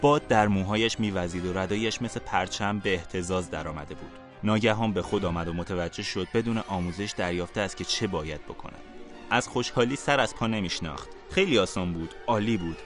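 A man calmly narrating a fantasy storybook for a podcast. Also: low voice, faint music behind.

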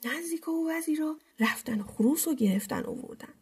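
High-voiced woman telling a folk tale. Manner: lively, expressive storytelling with hushed asides. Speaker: storyteller.

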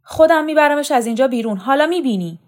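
A woman voicing an angry, defiant teenage boy who stands up for his sister, in a loud, shouting delivery. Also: sits high, lively intonation, voice pushed up.

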